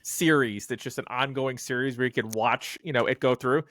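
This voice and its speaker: A man's voice: medium pitch, fairly quick, a bit bright. A man hosting a podcast, chatting casually and rambling with lots of fillers and restarts. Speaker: podcast host.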